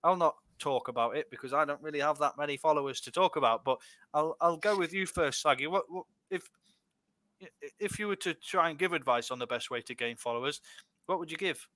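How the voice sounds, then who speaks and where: A young Scottish man hosts a casual streaming podcast, reading out viewer comments and chatting with a laugh in his voice, laughing easily and restarting often. His voice is on the high side, pushed and bright, brisk, in a dry recording.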